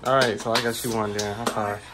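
A man's voice: lowish voice, little pitch movement, brisk, very noisy. A man hosting a food challenge in casual chat, teasing and egging others on, close to a phone in a home kitchen. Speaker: host filming the challenge. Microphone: handheld phone, close behind it.

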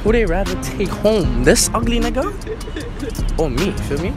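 A man's voice: high-pitched, very animated, moderate pace. A man from Brooklyn, New York, doing a brash, slangy street interview outdoors on a city street. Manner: brash, trash-talking and slangy. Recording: loud background music. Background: hip hop music.

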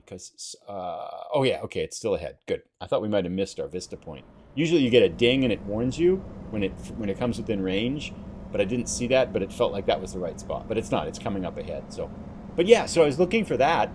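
A man with a fairly low voice talks through his gameplay in a relaxed, chatty way, thinking aloud as he goes. Faint game noise sits behind his voice. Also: fast. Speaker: let's play host. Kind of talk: casual gameplay commentary.

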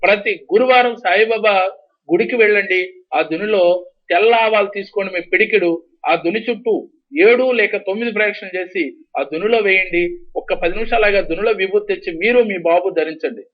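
A man's voice: high voice, brisk. Instructive numerologist man, lo-fi broadcast. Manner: steady, instructive, repeats schedules and numbers. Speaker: numerologist on a call-in TV show. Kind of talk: call-in advice, giving readings. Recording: dull lo-fi TV broadcast audio.

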